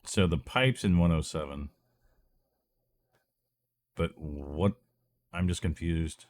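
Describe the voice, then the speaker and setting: Slow and deep with a darkish tone, a man thinks out loud and rambles during a video game session as a let's play gamer. He's congested while getting over a cold, so his voice comes out stuffy and nasal in this casual commentary.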